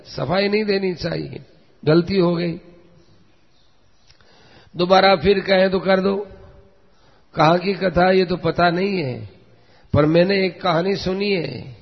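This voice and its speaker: A man giving an earnest devotional sermon, telling a story in a steady way. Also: high voice, gravelly. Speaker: religious preacher. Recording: dull lo-fi recording in a long-reverb hall.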